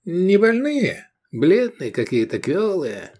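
A man's voice: fairly high pitch, sing-song, moderate pace, voice pushed up. A man reading an audiobook voices a shrewd middle-aged male slave dealer, drawling and bargaining slyly. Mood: haggling.

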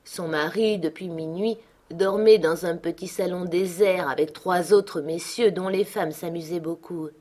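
A woman narrating a classic short story aloud in a measured, expressive way. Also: lowish voice.

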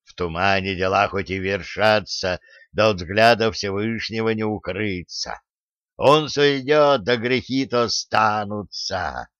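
A man reading the part of a stern old pagan sage in an audiobook, speaking slowly and solemnly. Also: low-pitched, steady tone, a bit bright, no echo, lo-fi sound. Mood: stern preaching.

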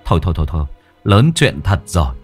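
Deep-voiced man telling a ghost story. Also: fast talker, breathy edge, soft background music. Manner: lively, dramatic storytelling.

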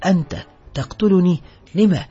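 A man's voice: high-pitched, moderate pace, dark tone, breathy edge. A man voicing a frightened male petty crook in an audiobook, pleading and protesting in a raised voice. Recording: muffled lo-fi recording, faint music.

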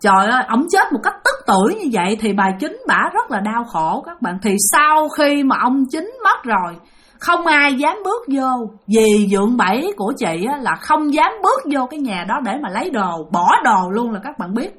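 A woman with a Southern Vietnamese accent tells a ghost story, lively and dramatic as she talks straight to her listeners. Her voice sits fairly high and moves through a wide, animated range. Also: moderate pace. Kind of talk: spoken ghost-story telling.

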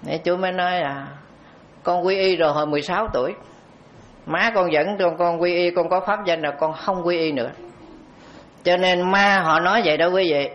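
A man's voice: sits high, normal speed, a little hiss or hum. A man with a Southern Vietnamese accent, a Buddhist monk giving a dharma talk, who tells a story, acts out the people in it and asks the audience questions. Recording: dull lo-fi recording.

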